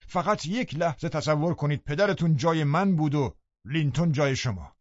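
A man's voice: fairly low pitch, expressive, no echo. A man voicing a scheming brooding landowner, dry and dull. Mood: loud pleading. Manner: menacing, then loudly pleading. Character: scheming brooding middle-aged male landowner.

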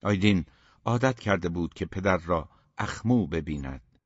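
A man narrates a literary novel in a steady, measured way. His voice sits low. The recording is muffled, with a dry, close sound. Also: breathy edge, no room sound. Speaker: audiobook narrator.

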